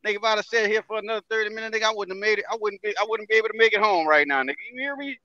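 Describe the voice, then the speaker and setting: A man talking from inside a truck in a casual livestream chat, teasing and repeating himself loudly. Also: high voice, very fast, muffled recording. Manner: loud, repetitive, teasing. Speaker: podcast co-host, calling in. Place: in a truck cab.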